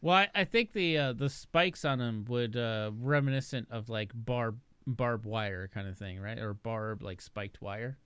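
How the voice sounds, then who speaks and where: Man, podcast co-host, relaxed, hesitant, smooth clear voice, dry sound. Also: medium pitch, unhurried, few pauses, dry recording. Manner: relaxed, hesitant, repeats words. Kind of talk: casual chat.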